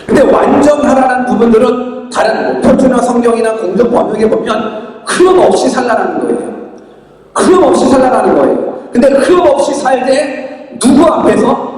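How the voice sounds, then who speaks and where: A man's voice: extremely high pitch, moderate pace, a little mellow. A man preaching a sermon as pastor, emphatic, repeating rhetorical questions to the congregation. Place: large church hall. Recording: echoey church hall from far off.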